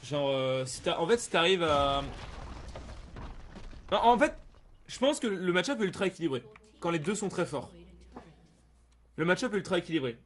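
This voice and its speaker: A man's voice: a little high, animated, moderate pace, pauses often, a bit bright. A man streaming a video game with casual, rambling commentary full of gamer slang and repetition. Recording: clear background noise.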